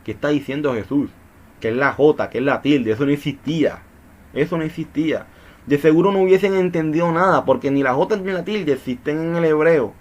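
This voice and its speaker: A man's voice: medium pitch, dull audio. A man teaching a Bible study in Spanish, explaining patiently with rhetorical questions and frequent repetition.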